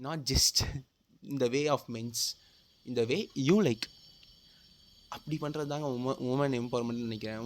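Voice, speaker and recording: A man's voice: mid-range voice, a little hiss or hum. A young man with a Tamil accent gives an earnest opinion talk to camera, mixing in English and putting questions to his viewers. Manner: earnest, mixes English into speech, asks viewers direct questions. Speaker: video host.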